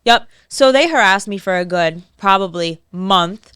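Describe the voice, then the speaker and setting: A woman's voice: medium pitch, lively intonation, measured pace, a bit bright, smooth, no echo, studio quality. A woman in her twenties from New York, co-hosting a podcast and telling a story in casual chat. She acts out what others said in changed voices. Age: 20s. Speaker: podcast co-host.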